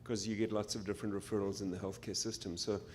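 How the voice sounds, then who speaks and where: Male doctor, somewhat low voice, hesitant floor comment, faint background hiss. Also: little pitch movement, fast, a little mellow. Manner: hesitant, with fillers and repeats. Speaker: physician delegate. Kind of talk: assembly floor speech.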